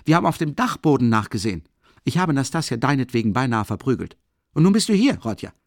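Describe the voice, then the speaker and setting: A man reading an audiobook, voicing a furious, hot-headed young man who shouts and scolds a friend. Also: mid-range voice, sing-song, quick pace, gravelly, dry recording, studio quality, voice pushed up. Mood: angry shouting.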